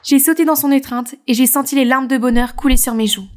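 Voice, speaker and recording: A woman plays a shy young artist narrating her own cartoon story. Her voice is high and expressive, and she tells the events with feeling. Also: fairly quick, close to an everyday voice. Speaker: narrator and heroine. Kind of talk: animated story dub narration.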